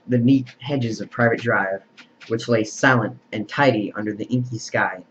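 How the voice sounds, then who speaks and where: A man's voice: mid-range voice, fairly bright tone. A man reading a novel aloud, with a plain delivery that stumbles and restarts, on a dull lo-fi recording. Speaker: amateur reader.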